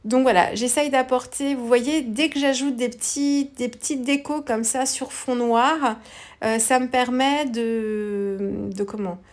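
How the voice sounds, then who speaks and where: A woman narrating a craft tutorial in a relaxed, hesitant way, with many fillers. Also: fairly high pitch, unhurried.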